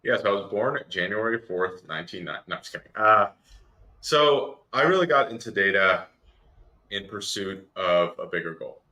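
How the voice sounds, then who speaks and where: A man's voice: on the low side, animated, normal speed, pushed and bright. A man giving conversational, explanatory interview answers as a podcast guest, in long structured stretches. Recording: roomy, echoey sound.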